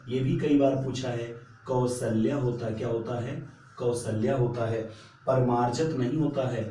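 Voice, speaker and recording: A male teacher drills exam spellings, repeating each word and asking and then answering his own questions. His voice is dark and mellow. It echoes heavily around the room from a mic set some way off. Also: mid-range voice, far from the mic, slight background noise. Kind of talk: exam-prep spelling lesson.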